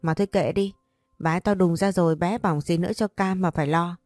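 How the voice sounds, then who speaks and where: A woman's voice: fairly low pitch, fairly even intonation, fairly quick, a little mellow, no echo, faint music behind, close to an everyday voice. A woman voicing a cocky, lazy young man who talks back to his mother in a cheeky, offhand way.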